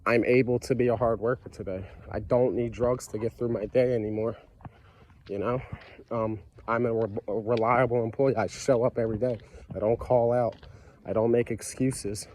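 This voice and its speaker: Slight background noise sits under a mellow, mid-range man's voice. Nose blocked by a cold, he's a vlogger talking through his recovery in an earnest, casual monologue about his life, filled with fillers and repeated phrases.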